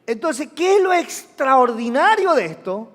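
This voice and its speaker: A man's voice: extremely high pitch, big pitch swings, measured pace, fairly bright tone. A male pastor preaching a sermon, questioning the congregation, having them repeat phrases, and acting out sounds with sudden exclamations. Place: church. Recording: long reverb of a church hall.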